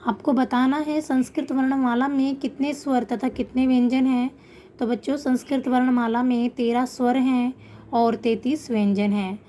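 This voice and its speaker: A woman teaching an online Sanskrit class to children, explaining patiently and slowing down to pronounce example words. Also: sits high, flat delivery, dark tone, a little hiss or hum.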